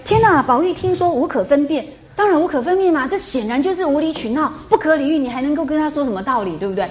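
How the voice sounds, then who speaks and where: A woman lecturing a class on a classic novel, chatty and animated, full of rhetorical questions. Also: high voice, quick pace. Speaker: literature lecturer. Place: classroom with students.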